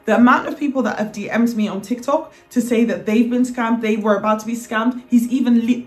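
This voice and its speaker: A woman telling her own story in a lively, dramatic way, acting out what people said. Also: mid-range voice. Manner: animated, dramatic retelling with acted quotes. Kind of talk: personal storytelling to camera.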